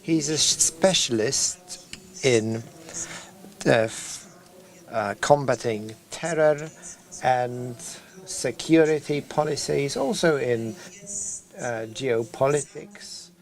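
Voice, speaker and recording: A man hosting an event, giving a formal podium speech of introductions in a halting, hesitant way. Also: medium pitch. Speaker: event host introducing speakers.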